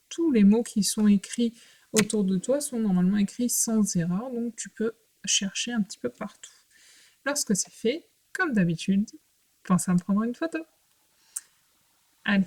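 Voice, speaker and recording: A woman teaching a recorded remote lesson to young children. She talks patiently and clearly in short phrases with pauses. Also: on the high side, a little mellow. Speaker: primary school teacher.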